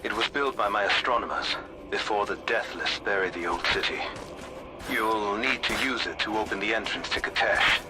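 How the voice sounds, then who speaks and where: A man's voice: fairly low pitch, normal speed, over loud music, close to an everyday voice. A man playing a solemn ancient leader. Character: ancient man, calm leader of a hidden people.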